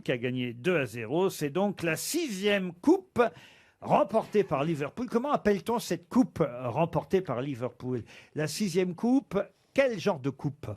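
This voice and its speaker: A man hosting a radio quiz, teasing his panel and reading out prize promotions in a playful way. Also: fairly high pitch. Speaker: radio game show host.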